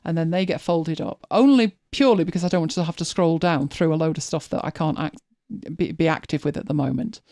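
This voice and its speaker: A woman's voice: sits low, a little fast, few pauses, mellow, dry recording, clean studio sound. Chatty woman hosting a live stream. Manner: chatty, thinks aloud with frequent restarts. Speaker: host. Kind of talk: casual live-stream screen-share walkthrough.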